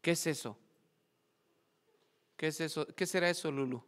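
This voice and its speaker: A male pastor, speaking in a fairly high voice. He preaches a church sermon and keeps quizzing his listeners with call-and-response questions. His voice carries a long reverb from a church hall. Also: normal speed, fairly bright tone. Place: church service.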